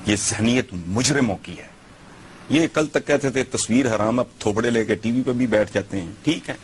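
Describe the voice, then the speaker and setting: A man's voice: medium pitch, moderate pace, slight background noise. A man giving scornful opinion commentary, lecturing with rhetorical questions.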